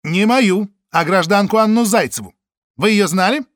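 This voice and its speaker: A shrill, pompous secret-police officer, as a male narrator puts him on in an audiobook. He shrieks bossy orders in a strained, very high voice. The recording is dry and close. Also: moderate pace, dry recording, close to an everyday voice. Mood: officious.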